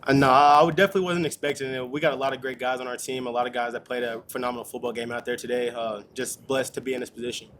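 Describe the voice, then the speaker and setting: Fast-talking young player in post-game interview. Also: male voice, mid-range voice, level tone, fairly bright tone, a little hiss or hum. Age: young adult. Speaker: college football player.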